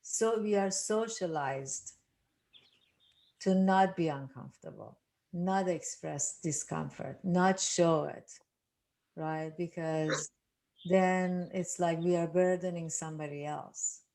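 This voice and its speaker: Low-voiced older woman teaching. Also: slow pace, vocal fry, a little mellow. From Iran. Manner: earnest, with frequent restarts and rhetorical asides. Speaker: workshop facilitator. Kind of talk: reflective teaching talk.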